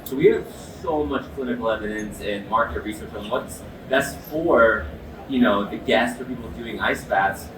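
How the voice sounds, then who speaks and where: A man with a fairly low voice and moderate pace walks through an ice bath product, speaking with expert earnestness and emphasis rooted in his sports medicine background. It's recorded on a distant mic in an echoey space with a noisy background.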